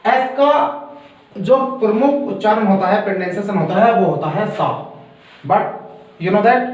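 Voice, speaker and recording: A man from India teaching English pronunciation at a board, slow and repetitive, checking that his students follow. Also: high-pitched. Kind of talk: classroom lesson explaining at a board. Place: classroom with a board. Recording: roomy echo, far from the mic.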